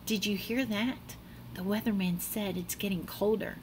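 Reading a picture book to children in a small indoor classroom, a middle-aged woman with a medium-pitched voice sounds like a teacher. She's animated and dramatic, stretching out her words expressively, over a faint hiss or hum.

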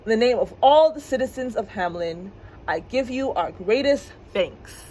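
A stingy male mayor with a booming, self-important delivery, read by a woman at story time. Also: lively intonation, normal speed, a little hiss or hum, lightly acted, poor audio. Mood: proud. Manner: grand, booming speech.

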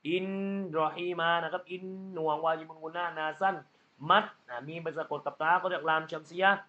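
A man with a fairly high voice explains pronunciation rules patiently, one letter at a time, with lots of polite particles. The recording is muffled and lo-fi. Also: fairly even intonation, fairly quick, sharp tone. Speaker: Quran recitation teacher.

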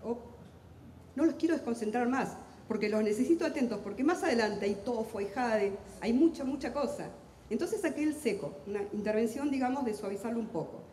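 A middle-aged literary translator from Argentina, with an Argentine Spanish accent, speaks on a book fair panel in a lively public talk, rushing through her thoughts intensely with self-deprecating humor. Her rather high, mellow voice has lively intonation. The large hall echoes with a long reverb tail, and there is slight background noise.

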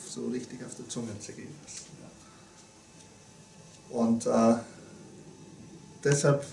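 Gravelly older man, far off. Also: medium pitch, warm tone, a little hiss or hum. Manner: halting, with many fillers. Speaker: event host. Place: small meeting room. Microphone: far camera. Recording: roomy, distant camera audio.

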